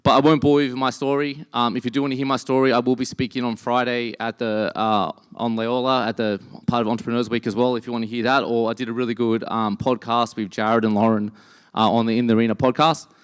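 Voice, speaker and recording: A middle-aged Australian man talks business to a live audience, loose and conversational, full of ums and quick restarts. His voice comes through smooth and resonant, pitched right in the middle range for a man. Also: flat delivery. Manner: casual, chatty, many fillers and restarts. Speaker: speaker. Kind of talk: conference talk to a live audience. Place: event venue.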